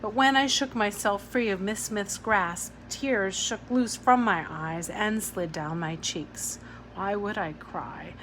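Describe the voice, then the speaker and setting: Reading slowly in a mid-range, slightly bright voice, a woman narrates a children's novel in audiobook style from a script. The audio is poor, with clear background noise.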